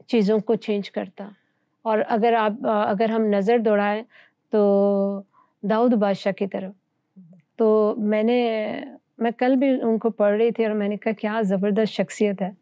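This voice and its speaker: A woman's voice: mid-range voice, steady tone, dark tone, dry recording, dull audio. A woman teaching from the Bible in conversation, earnest and fond of rhetorical questions.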